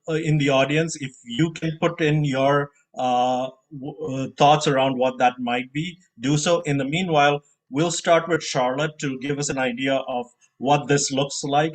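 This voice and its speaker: A man moderating a live-streamed panel on a video call, casual, with many fillers and restarts. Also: mid-range voice.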